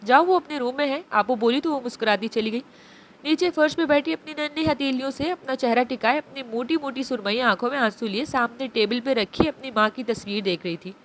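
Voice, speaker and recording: A woman narrating a romance novel in a steady storytelling delivery. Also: high voice, fairly quick, a little hiss or hum.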